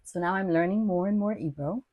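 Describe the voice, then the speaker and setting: A woman from Nigeria, hosting a podcast, narrates her scripted personal essay, which is lyrical, wordy, playful and self-mocking. Her voice sits on the low side, a little mellow and slightly fast, with no room sound.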